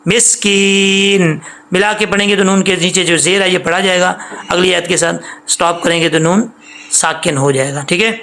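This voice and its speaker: A man with a fairly high voice and a Pakistani Urdu accent teaches Quran recitation. He explains patiently and repeats, stretching each demonstration syllable slowly. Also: fairly even intonation, pushed and bright, slight background noise. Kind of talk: tajweed lesson, explaining and demonstrating pronunciation.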